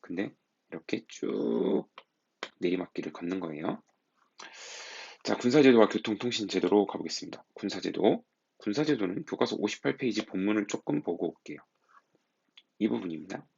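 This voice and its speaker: A male teacher lectures in a low, gravelly voice with a husky edge, his pitch rising and falling as he explains. He keeps turning to the class with rhetorical questions. The recording sounds dull and lo-fi. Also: expressive, normal speed, darkish tone. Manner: explains patiently, poses rhetorical questions to students. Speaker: high school history teacher.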